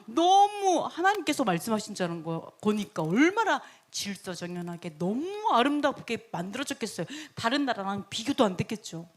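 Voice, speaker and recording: Female Bible teacher, high voice, lively dramatic storytelling. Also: normal speed, few pauses. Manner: lively, dramatic retelling with frequent laughs. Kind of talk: animated Bible story lesson.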